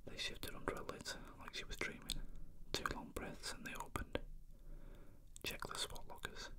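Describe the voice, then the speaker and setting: A person reading a novel aloud in an unvoiced whisper, as ASMR narration. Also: moderate pace. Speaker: reader.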